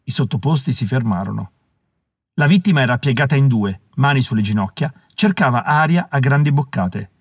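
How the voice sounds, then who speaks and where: Male audiobook narrator, dramatic, husky, dry studio sound. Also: mid-range voice, animated, dry recording. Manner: measured, dramatic storytelling. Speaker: audiobook reader. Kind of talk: scripted narration.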